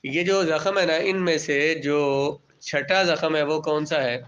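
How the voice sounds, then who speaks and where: Higher-voiced man teaching, dull recording. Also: steady tone, a bit bright. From Pakistan. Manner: reads Arabic terms, then explains each in plain everyday words; asks the class questions and answers them himself. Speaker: religious studies teacher. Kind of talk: classroom lecture explaining a text.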